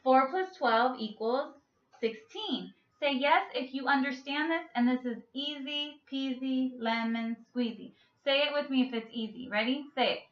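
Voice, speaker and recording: A woman's voice: sits high, fairly even intonation, normal speed, few pauses. A woman teaching a children's math lesson through a story, playful and coaxing, stretching out her words. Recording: echoey room with a muffled sound.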